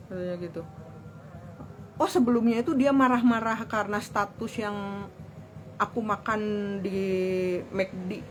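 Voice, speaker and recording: A woman's voice: medium pitch, background noise. Woman with a lilt telling a grievance. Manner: chatty and aggrieved, quoting arguments. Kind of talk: personal storytelling.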